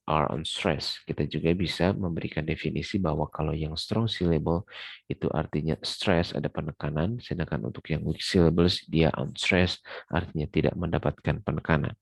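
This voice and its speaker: Male English teacher, very deep gravelly voice, casual recorded lecture with lots of fillers, dry sound. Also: normal speed, dry recording. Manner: many fillers, mixes English terms into explanations.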